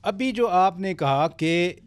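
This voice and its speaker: Pakistani tv host, high pitched, keeps jumping in with questions. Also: male voice, lively intonation, smooth. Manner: probing, interjects with short acknowledgements. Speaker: talk show host. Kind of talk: political interview.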